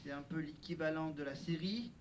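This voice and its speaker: A man with a fairly high voice talks a little fast in a casual vlog, sharing trivia and catching and correcting himself often. The audio is dull and lo-fi, with faint background noise.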